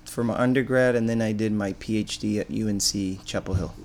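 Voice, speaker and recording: A middle-aged man from Argentina, a business owner answering interview questions in a relaxed, rambling way with many fillers. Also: fairly low pitch, a little fast, a little hiss or hum.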